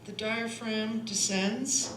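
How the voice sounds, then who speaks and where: A woman's voice: fairly high pitch, slow. Chatty woman singer, echoey hall. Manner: chatty and demonstrative, asks "right?" constantly, laughs often. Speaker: singer and voice teacher. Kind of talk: panel talk with a breathing demonstration. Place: performance hall. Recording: echoey hall with steady noise.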